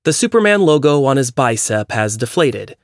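Male narrator for a reflective personal essay, mid pitch, measured delivery, dry close recording. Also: sing-song, dry recording.

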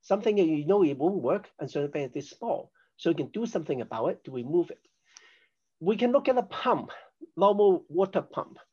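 A man's voice: on the high side, big pitch swings, fairly quick, warm tone, husky, dull audio. An older man from Hong Kong, a podcast guest, explaining risk assessment in a chatty, self-deprecating way. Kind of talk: conversational interview.

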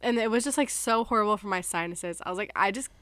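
A woman's voice: mid-range voice, quick pace, fairly bright tone, no echo. A woman in her twenties from the United States, co-hosting a podcast and telling a story in casual chat, full of "like" and "um". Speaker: podcast co-host.

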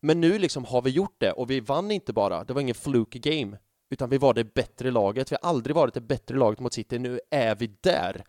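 A man in his thirties chatting casually on a fan podcast, telling stories in an animated way with plenty of swearing. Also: medium pitch, few pauses, no room sound, studio quality. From Sweden. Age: 30s. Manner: animated storytelling with lots of swearing and fillers. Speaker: podcast co-host.

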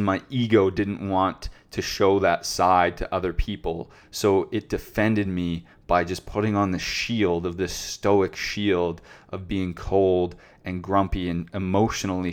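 A man hosting a self-help podcast, talking earnestly and reflectively and asking many rhetorical questions. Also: low voice. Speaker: podcast host.

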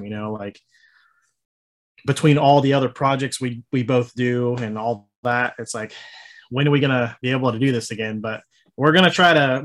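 Casual, halting man in conversation. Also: medium pitch. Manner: halting, rambling, chuckles often. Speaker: interview guest, maker of a horror host show.

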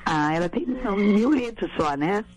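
A woman's voice: medium pitch, lively intonation, normal speed. Hesitant woman answering a phone call. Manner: unsure and hesitant, keeps asking her husband for the numbers. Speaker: prank call victim selling a pool. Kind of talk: phone conversation.

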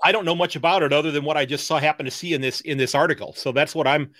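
A man's voice: fairly high pitch, steady tone, rapid-fire, a bit bright, no echo, clean studio sound. A man hosting a podcast in casual chat, talking hesitantly with many restarts. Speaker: podcast host.

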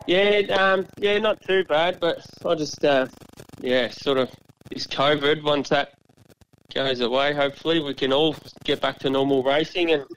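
A man's voice: on the high side, normal speed, fairly bright tone, clean tone, lo-fi sound. An Australian man chatting casually as an interview guest, talking like a laid-back, matey everyday bloke. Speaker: pigeon racer interviewed as guest. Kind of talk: casual chat.

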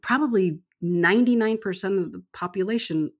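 A woman co-hosting a casual book discussion, talking enthusiastically and slowing down to stress the words that matter to her. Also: mid-range voice. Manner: enthusiastic, emphatic, slows down on key words. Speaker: book club co-host.

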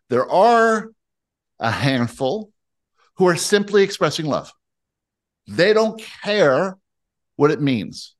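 A man acting as a spiritual teacher in a guidance session. He speaks as a collective "we" and works through slow, emphatic lists. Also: fairly high pitch. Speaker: spiritual teacher answering questions.

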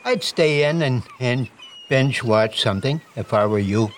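An actor playing a prim, superstitious dockmaster in a comedic noir audio drama. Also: male voice, medium pitch, animated, measured pace, slight background noise, close to an everyday voice. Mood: foreboding. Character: ominous, prim male dockmaster with superstitious warnings.

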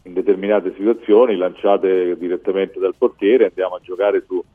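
Man, lowish voice, radio football pundit, explanatory, thin phone-like sound, music behind. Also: steady tone, normal speed. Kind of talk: live football talk commentary.

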